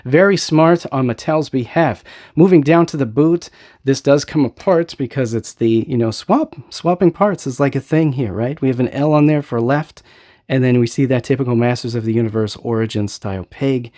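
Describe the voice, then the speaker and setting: Man, casual unboxing talk, enthusiastic, rambling, filler-heavy, mid-pitched voice. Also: moderate pace, warm tone. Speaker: toy reviewer host.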